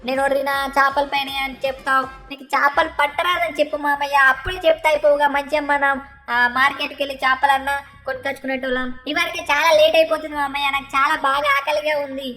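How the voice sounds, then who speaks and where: A woman doing a cheeky little boy in a fan-dubbed game parody, pitched high and nagging without pause, always calling for his uncle. The delivery stays flat in melody, with faint music running underneath. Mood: whiny. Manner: nags constantly, repeating 'uncle'.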